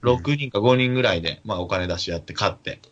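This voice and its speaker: A man telling an animated story in casual chat, acting out the quotes of the people in it. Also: lowish voice, fast talker. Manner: animated anecdote with acted-out quotes. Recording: dull lo-fi recording.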